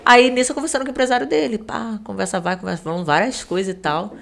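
A woman's voice: medium pitch, fairly even intonation, quick pace, gravelly, a bit bright. A woman guest on a podcast, casually telling a story in a chatty, slangy way and acting out the quoted dialogue. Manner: heavy slang and fillers.

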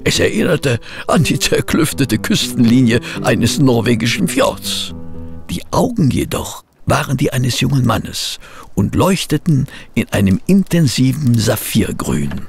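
An actor playing Dr. Watson, a fussy, loyal gentleman companion and narrator, in a formal, old-fashioned German audio drama. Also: mid-range voice, sing-song, a little slow, creaky, soft background music. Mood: measured storytelling.

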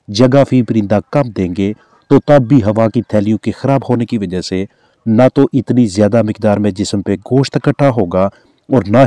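Low, mellow Pakistani-accented man narrating. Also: dry recording. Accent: Pakistani Urdu. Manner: formal, instructive, steady delivery. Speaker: veterinarian. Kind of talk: scripted voice-over narration.

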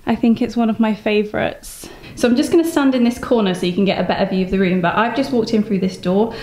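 Talking fast in a mid-range, slightly mellow voice, a woman in her thirties with an English accent gives a chatty, enthusiastic vlog tour. Her stops include a home room, a car, and a brick barn and yard, and the audio is echoey with background noise that stands out.

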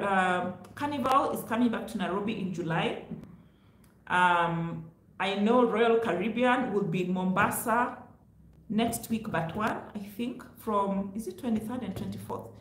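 Speaking to her vlog audience in a casual yet emphatic way, this careers adviser is a middle-aged woman with a Kenyan accent. Her mid-range voice has a slightly bright quality, recorded in an echoey, untreated home office.

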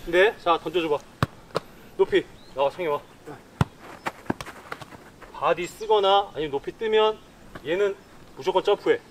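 A distant camera picks up a man in his thirties giving football players brisk orders and instructions on an outdoor pitch. There's a little hiss or hum in the audio.

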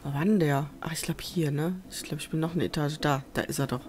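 A woman at her computer at home, talking through a survival game in relaxed, rambling commentary. She mutters to herself and coaxes the animals on screen, speaking into a USB desk microphone. A faint hum of noise sits behind her voice. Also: sits low, fast talker. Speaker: let's play gamer. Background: faint festival noise from outside.

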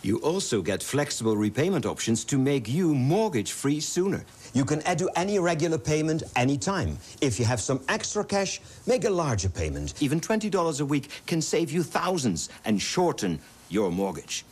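A man's voice: fairly high pitch, sing-song, normal speed, a little mellow, husky. A man reading a commercial in an upbeat, salesy way. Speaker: ad announcer. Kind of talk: radio-style commercial read.

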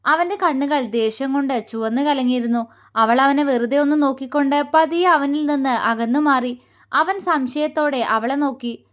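Female storyteller, high voice, calm steady narration of a romance serial. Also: normal speed.

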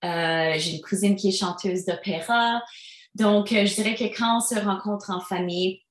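A woman in her thirties from Alberta, Canada, guests as a singer-songwriter and chats casually in an interview, her speech full of fillers. She has a Franco-Albertan French accent, a medium-pitched voice at normal speed, and the room has an echo.

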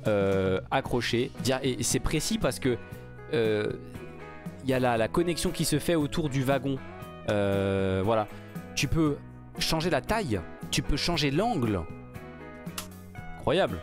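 Guy hyped up over a game trailer, lots of euhs, faint music behind. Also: mid-range voice. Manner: excited, rambling, many fillers and restarts. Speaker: gaming YouTuber reacting to a trailer. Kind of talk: casual gameplay reaction commentary.

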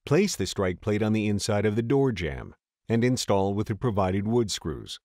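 Male narrator, lowish voice, dry booth sound, calm measured instructional read. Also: dry recording. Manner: steady, measured reading of steps. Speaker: tutorial narrator. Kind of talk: scripted instructional voice-over.

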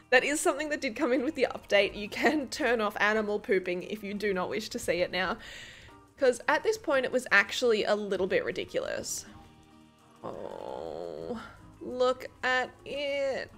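A young woman giving casual gameplay commentary, gushing excitedly over cute animals and laughing often. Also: medium pitch, normal speed, soft background music. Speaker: game streamer.

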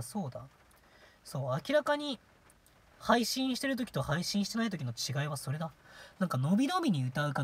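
A woman's voice: medium pitch, slightly rough, no echo. A woman hosting a solo livestream radio show, chatting casually in a rambling, self-mocking way. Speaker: streaming radio host.

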